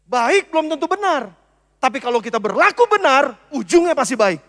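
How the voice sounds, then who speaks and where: A man preaches to his congregation in a very high voice. He swings between loud, emphatic lines and soft, quiet asides. His words ring out with a long reverb in a church hall. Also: big pitch swings, a little fast. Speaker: pastor. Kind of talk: sermon.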